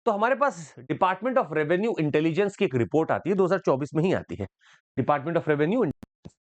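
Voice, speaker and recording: This man teaches current affairs to exam students, analyzing daily news in a blend of Hindi and English with an Indian accent and repeating the important points. His voice is fairly high with big pitch swings, delivered at normal speed.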